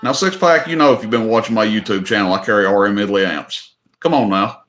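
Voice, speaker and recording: Running an online auction on a livestream, this middle-aged man from Tennessee chats casually in a folksy, joking drawl, throwing in "y'all." He talks fast in a fairly low, fairly bright voice, and the recording has a roomy sound.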